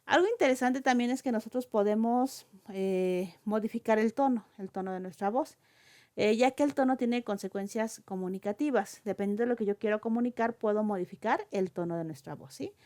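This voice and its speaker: Woman, teacher, lecture, explanatory, fillers, middle pitch. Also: fairly quick, dark tone. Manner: explanatory, with frequent fillers and checking questions. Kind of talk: lecture on oral communication.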